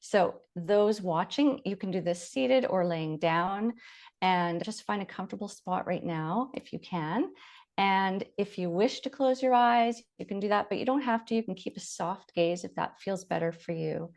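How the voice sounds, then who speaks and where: A woman with a medium-pitched voice guides a body scan meditation, giving gentle, unhurried instructions separated by long pauses.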